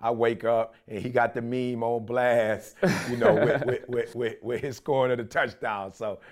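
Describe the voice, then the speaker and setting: A man's voice: medium pitch, fairly even intonation, normal speed. A man co-hosting a podcast in casual, bantering chat, informal and prone to repeating his phrases. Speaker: podcast co-host.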